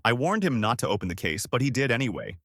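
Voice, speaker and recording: A man's voice: mid-range voice, big pitch swings, fast talker, a bit bright, no room sound, studio quality. A man narrating a first-person story in a wry, sarcastic scripted style.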